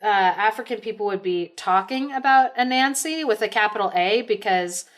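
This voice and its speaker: A woman's voice: mid-range voice, normal speed. A woman co-hosting a podcast, chatting casually and searching for words as she explains. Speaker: podcast co-host. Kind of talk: casual chat.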